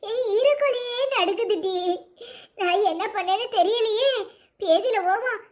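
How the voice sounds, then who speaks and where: A woman's voice: very high-pitched, a little slow. A woman voicing an anxious middle-aged village mother in a cartoon, lamenting in a Tirunelveli Tamil accent. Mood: fretful. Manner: fretful, lamenting.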